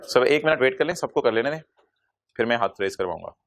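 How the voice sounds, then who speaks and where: A male accounting lecturer, teaching a class by firing quick questions at the students and answering them himself. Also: mid-range voice, expressive.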